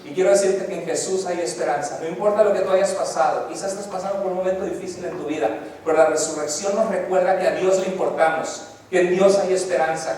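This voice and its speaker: A man's voice: high voice, a little mellow. A man pastor preaching a fervent Sunday sermon, building emphasis through repeated phrases, in a church sanctuary. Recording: echoey church hall, distant mic, faint noise.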